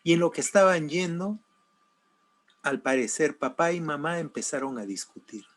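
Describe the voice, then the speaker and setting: A man preaching a sermon, telling a story slowly, his voice swinging between raised emphasis and hushed, soft passages. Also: on the high side, expressive. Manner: slow, dramatic swings between loud and hushed. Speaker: pastor.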